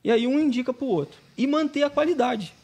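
A man's voice: very high voice, fairly quick, a little mellow, breathy edge. A man with a Brazilian accent, a painting business owner who is a podcast guest, talks casually as a chatty storyteller who keeps tagging his sentences with "né?". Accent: Brazilian Portuguese. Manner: chatty storyteller, constantly adding "né?".

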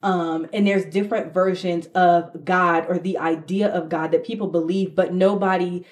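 A woman with a New York accent talks in a reflective, conversational podcast style. Her voice sits a little low for a woman. She is emphatic, often repeating a word or phrase to drive a point home. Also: steady tone, moderate pace. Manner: emphatic, repeats words for stress. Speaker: podcast co-host.

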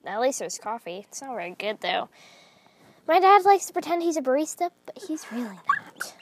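A woman's voice: high voice, very animated, normal speed, noisy background. A woman voicing a young female dragon who talks in an offhand, teasing way. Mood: breezy.

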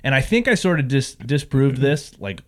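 A man's voice: mid-range voice, big pitch swings, moderate pace. A young man co-hosting a casual podcast chat, rambling with lots of restarts and fillers. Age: young adult. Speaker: podcast co-host.

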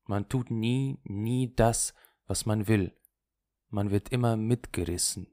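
Low-voiced male audiobook narrator. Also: slow, warm tone, no echo, studio quality. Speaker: audiobook reader.

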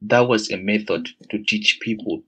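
A man's voice: fairly low pitch, normal speed, pushed and bright, slightly rough. A man with a Nigerian Hausa accent talking in a casual discussion, explaining points while mixing Hausa and English.

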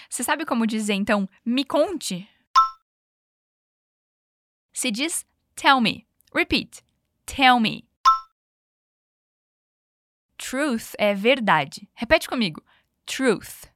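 Brief: higher-voiced woman, podcast English teacher, patient drill pacing, dry close sound. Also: animated, fairly bright tone, no room sound. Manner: patient, coaching, slows down for model phrases. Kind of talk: podcast language lesson.

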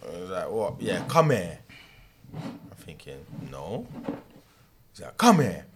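A man's voice: deep voice, very animated, takes it slowly, slight background noise. A young man with a London roadman accent telling a story casually in street slang and acting out who said what. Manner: slangy, acts out reported dialogue. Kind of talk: casual anecdote telling among friends.

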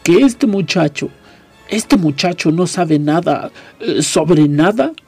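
A huge, gruff giant of a man bellows with outrage, as a man reading aloud puts him on. The voice is warm and mellow, with a husky edge. It is a storybook reading. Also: fairly high pitch, animated, slow, soft background music, heavily acted. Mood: indignant. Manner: roaring, indignant.

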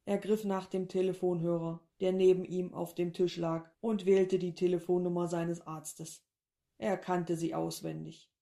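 A woman narrating a short story in a calm, even read-aloud manner. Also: lowish voice.

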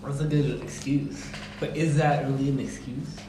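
A man's voice: a little high, fairly even intonation, moderate pace. A man as a podcast guest, chatting casually in blunt, slangy language, his voice carrying big room echo. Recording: echoey reverberant room, faint background noise.

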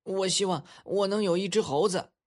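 A man voicing an excitable small boy who wants a pet, pleading and shouting at it in a children's story. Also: high-pitched, moderate pace, pitched above the performer's own voice, lightly acted. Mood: eager.

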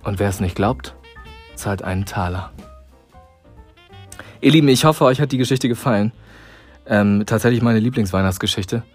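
A man reading a storybook aloud to listeners in a calm, measured way. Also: fairly low pitch, soft background music. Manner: calm, measured narration with dramatic pauses.

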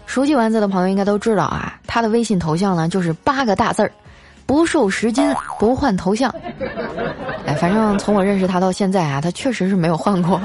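A woman's voice: medium pitch, quick pace, few pauses, a little mellow, some chatter behind. Female comic storyteller, chatty and teasing, mid-range voice, faint music beneath. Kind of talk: comedic storytelling.

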